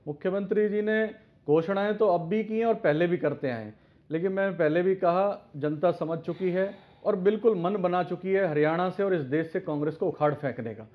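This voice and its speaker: A man speaking as an opposition panelist on a televised political debate, forceful and combative. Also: high-pitched, normal speed. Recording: tinny phone-line connection.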